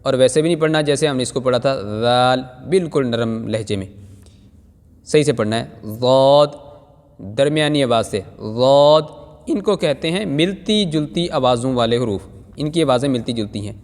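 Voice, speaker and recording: A man teaching Quran reading, drawing out each Arabic letter slowly and then explaining patiently to parents, with much repetition. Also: mid-range voice, lively intonation. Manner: slow, drawn-out recitation of Arabic letters. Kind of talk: Noorani Qaida recitation lesson. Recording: hall reverb.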